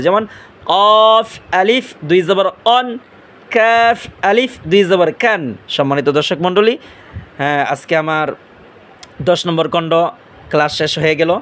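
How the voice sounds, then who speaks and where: A man teaching Quranic Arabic pronunciation, patiently explaining and slowly drawing out each letter sound. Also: on the high side. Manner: slow, drawn-out demonstration of letter sounds; patient explaining with frequent "inshallah".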